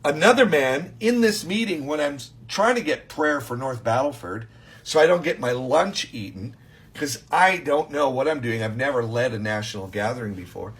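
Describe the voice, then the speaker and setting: A man, a minister, telling an excitable testimony story, with frequent restarts and repeated phrases. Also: mid-range voice, normal speed. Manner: excitable, restarts often, keeps saying he was freaking out.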